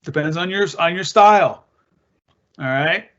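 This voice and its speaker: A man's voice: on the high side, a little slow, fairly bright tone, highs cut off. A man teaching soccer referees as he narrates match clips, talking in a conversational way with rhetorical questions and frequent restarts. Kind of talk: narrated video presentation for referees.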